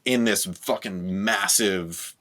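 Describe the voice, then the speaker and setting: A man talking casually with friends about a film on a podcast, lively and full of quoted reactions. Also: low-pitched, slow pace. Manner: animated, talks in bursts with restarts and quoted reactions. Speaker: podcast co-host.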